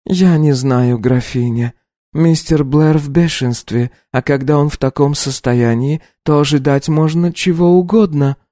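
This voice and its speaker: A man voicing a serious, caring middle-aged housekeeper in a hushed, raised voice, audiobook style. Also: a little high, fairly even intonation, a little slow, dry recording, studio quality, voice pushed up, close to an everyday voice. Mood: grave.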